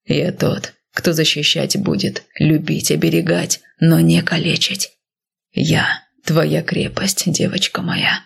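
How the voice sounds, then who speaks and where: A woman reading the lines of a possessive, commanding husband in an audiobook, low and half-whispered. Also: little pitch movement, a little slow, few pauses, exaggerated voice. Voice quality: husky, breathy.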